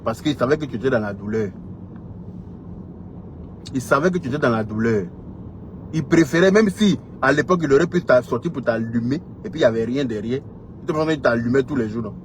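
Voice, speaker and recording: A man with an Ivorian French accent lectures an absent rival in a heated online rant. He repeats his points and fires off rhetorical questions, his voice sitting at an ordinary middle pitch. A faint hum of noise stays in the background. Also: fairly quick, pauses often. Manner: scolding, repetitive, rhetorical questions. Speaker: social media commentator. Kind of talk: heated direct-address rant.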